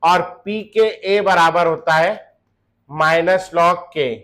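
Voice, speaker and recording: A man's voice: a little high, fairly even intonation, drawn-out words, fairly bright tone. A man teaching chemistry to a class. He keeps asking the students questions and answers them himself, jokes with them and slips in English phrases. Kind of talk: classroom lecture.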